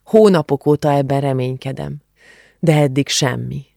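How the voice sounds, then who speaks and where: A woman's voice: very deep voice, creaky, dark tone, no room sound, studio quality. A woman reading the part of an earnest, book-loving teenage refugee girl in an audiobook, heartfelt in tone. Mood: wistful, earnest.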